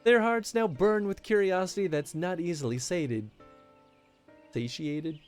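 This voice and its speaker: A man reads the formal lines of a scholarly game character in an earnest mood, now and then stumbling over long words. His voice sits high, pitched above his own natural voice, and he speaks a little slowly. Faint music plays behind him.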